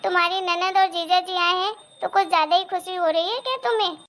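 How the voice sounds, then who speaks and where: Cartoon mother-in-law, motherly and soothing, high voice, a woman acting her. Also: steady tone, brisk, fairly bright tone. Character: middle-aged mother-in-law, calm peacemaker.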